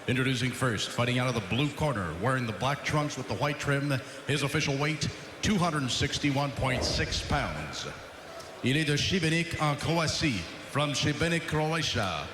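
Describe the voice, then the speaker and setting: A man working as a bilingual fight announcer, formally introducing boxers in a showman style with drawn-out names. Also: medium pitch. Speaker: boxing ring announcer. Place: echoing arena at ringside. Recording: echoey noisy arena PA, long reverb.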